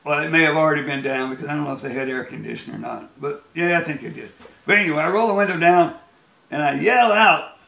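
A man's voice: fairly high pitch, fast talker, gravelly, pushed and bright, echoey room. An American man telling rambling road stories in a casual, folksy way, often laughing as he goes. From United States. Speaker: storyteller. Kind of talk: casual storytelling.

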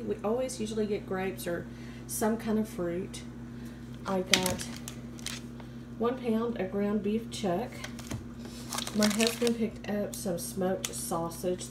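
An American woman in her thirties narrating a haul in a chatty, informal way, as a vlogger on a handheld phone. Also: mid-range voice. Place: home kitchen, indoors. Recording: clear background room noise.

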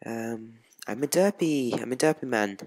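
Over music in the background, a young Swedish man offers rambling, hesitant let's play commentary peppered with ums, in a Swedish accent. His mid-range voice is expressive and a little mellow, moving at a moderate pace.

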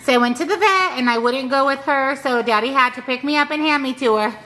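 A woman's voice: high voice, a little fast, pushed and bright, pitched above the performer's own voice. A woman voicing her male pet dog in a cutesy baby-talk voice. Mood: sheepish. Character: playful male pet dog telling his day.

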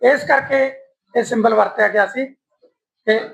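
A Punjabi lyricist with a strained throat, speaking at an honour ceremony and singing his own songs slowly between remarks. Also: very high-pitched, steady tone, creaky, fairly bright tone, low-quality recording. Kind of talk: speech with sung verses at an honour ceremony.

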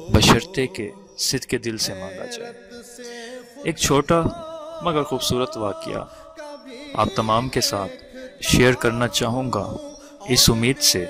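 Solemn man narrating over devotional music. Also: medium pitch. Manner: solemn, heartfelt recitation. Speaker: host. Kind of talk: scripted religious narration and prayer.

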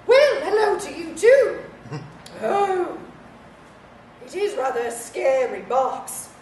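A woman's voice: extremely high pitch, sing-song, slow, a little mellow, exaggerated voice. A woman voicing a prim, witty talking stuffed toy bear that chides her and calls her "dear". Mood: teasing. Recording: echoey, distant, noisy room.

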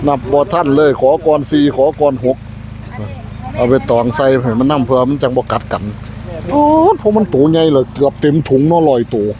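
A man's voice: medium pitch, brisk, mellow. A man with an Isan northeastern Thai accent giving a casual market tour, hyping cheap prices and repeating phrases to viewers. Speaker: market vlogger. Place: outdoor roadside market. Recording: noisy outdoor market with passing vehicles.

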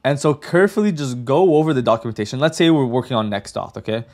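A man's voice: mid-range voice, fast, darkish tone. A young man hosting a casual coding tutorial, chatty and direct, often saying "like" and "okay". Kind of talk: casual screen-share tutorial.

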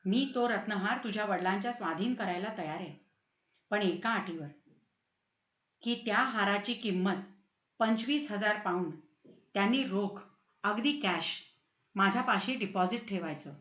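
A woman's voice: medium pitch, moderate pace, pauses often, fairly bright tone, reverberant, muffled recording, lightly acted. A woman voicing a passionate, hot-tempered young prince in a storybook reading. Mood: earnest.

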